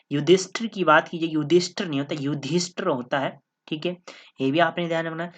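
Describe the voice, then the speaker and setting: A woman teaching an exam-prep grammar lesson, explaining step by step and often checking in with her listeners. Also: sits low. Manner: explanatory, repeats "ठीक है" and "दोस्तों".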